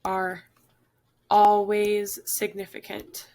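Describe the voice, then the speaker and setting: Hoarse woman teaching chemistry step by step. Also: mid-range voice, monotone, very slow, mellow. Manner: patient, step-by-step explaining with frequent "all right" and "okay". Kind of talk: classroom lesson.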